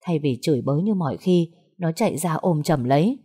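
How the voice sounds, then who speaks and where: A woman narrating a sad story in a slow, somber, measured way. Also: low voice, animated, warm tone, slightly rough.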